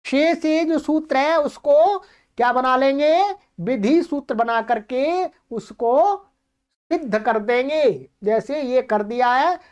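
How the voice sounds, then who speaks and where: A woman with a high voice teaches grammar in an online lecture. She explains each rule patiently and keeps checking that her listeners follow. When she recites a rule she slows right down. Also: a little mellow, smooth.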